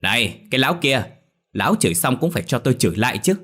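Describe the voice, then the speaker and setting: A man voicing a stubborn, eccentric old village man who shouts back in a squawky, hurried way, in a storybook reading. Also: medium pitch, big pitch swings, breathy edge, pitched above the performer's own voice. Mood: indignant. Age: older.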